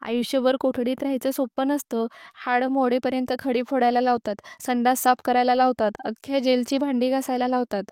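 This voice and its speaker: A woman's voice: high voice, level tone, brisk, darkish tone, smooth, no echo, studio quality, lightly acted. A woman reading out the lines of a stern young woman who threatens her elder by listing legal sections. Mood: threatening. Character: stern young woman lecturing about the law.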